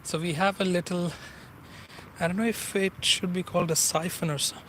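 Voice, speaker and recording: Out by a river, a forties-aged walking vlogger who isn't a native English speaker rambles through casual commentary, often reaching for words. His voice sits high and a bit bright, fairly even in intonation, at a moderate pace, with slight background noise.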